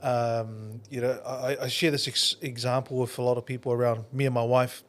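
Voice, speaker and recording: A man hosts a casual interview in a mid-range voice. He tells stories with animation, jumping up in pitch for quoted lines, and warmly encourages his guest. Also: normal speed. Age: adult, a father. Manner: animated storyteller, warm encouragement. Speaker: podcast host.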